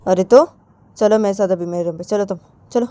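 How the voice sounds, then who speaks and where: A woman's voice: medium pitch, a little fast, mellow, close to an everyday voice. A woman voicing an indignant young woman who fires off insistent questions.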